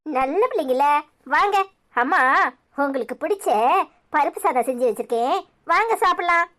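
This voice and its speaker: A woman's voice: high-pitched, expressive, moderate pace, fairly bright tone. A woman voicing a caring young mother and wife in a cartoon serial, speaking with a Tirunelveli Tamil accent, soothing her children and blaming herself. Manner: soothing with children, anxious with husband.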